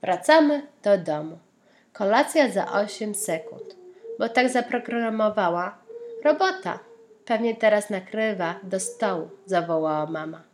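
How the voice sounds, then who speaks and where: A woman's voice: mid-range voice, animated, unhurried, a little hiss or hum. A woman reading a children's picture book aloud, voicing the characters' lines and asking the young listener questions and riddles about the pictures. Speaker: storybook reader.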